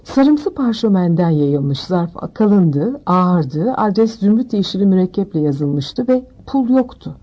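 A woman narrating an audiobook in a steady, measured reading. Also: on the low side, dull audio.

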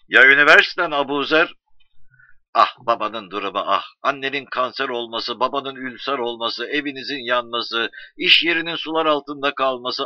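A man's voice: medium pitch, no echo, muffled recording. A man reading a comic first-person story aloud, arguing with himself in a self-mocking way.

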